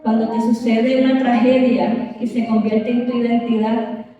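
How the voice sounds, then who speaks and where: A woman with a Puerto Rican accent delivers a church testimony talk in a fairly high voice, leaning on emphatic words and slow, weighty pauses. She is heard from far off in a large, very echoey hall with a long reverb, and music plays behind her. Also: little pitch movement, muffled recording. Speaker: guest speaker.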